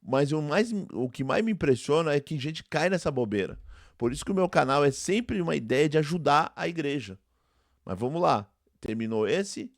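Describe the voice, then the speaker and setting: A man's voice: fairly high pitch, dry recording, clean studio sound. A Brazilian man, a theology professor, hosting a reaction commentary in a conversational way, repeating his points and talking straight to his viewers. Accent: Brazilian Portuguese. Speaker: theology professor and channel host.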